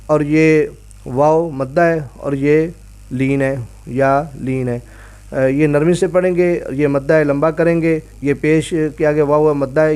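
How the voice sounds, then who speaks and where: High, clear-voiced male Quran teacher. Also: a little mellow. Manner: patient, repeats each syllable slowly and drawn out; clears throat now and then. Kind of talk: recorded Quran reading lesson.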